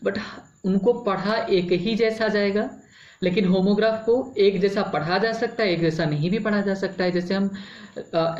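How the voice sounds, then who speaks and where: A man's voice: high-pitched, a little mellow. A male English teacher gives a classroom-style explanation in Hindi, spelling words out letter by letter, mixing in English terms and asking rhetorical checks. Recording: roomy, dull lo-fi sound with faint hiss.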